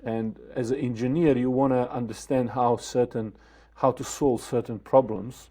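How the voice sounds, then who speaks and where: Guy from bosnia talking slow and careful, lots of ums, warm mellow voice. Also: mid-range voice, fairly even intonation. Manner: thoughtful, halting, with many fillers and restarts. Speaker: guest. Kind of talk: interview answers.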